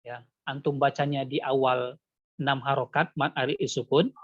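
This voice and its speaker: A man's voice: mid-range voice, level tone, moderate pace, no echo, narrow, tinny audio. A man teaching Quran recitation rules one-on-one in an online lesson, patiently quizzing his student with repeated questions. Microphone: video call.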